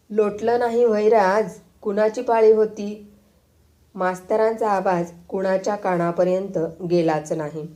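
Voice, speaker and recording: A woman narrating a comic story aloud in a lively read-aloud storytelling manner. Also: fairly low pitch.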